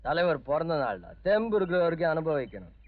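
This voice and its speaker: Drunk swaggering womanizer, lively sing-song delivery, muffled film sound with music. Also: fairly high pitch, fast talker, dry recording. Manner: swaggering, sly, leering. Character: drunk leering young man, arrogant womanizer. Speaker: [name].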